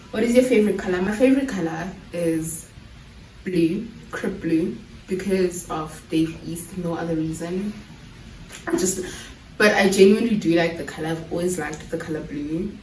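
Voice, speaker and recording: With a lowish, darkish voice and slight background noise, this nineteen-year-old YouTuber chats casually in her vlog. She laughs readily and frequently starts her sentences over, recorded in an echoey room with a distant mic.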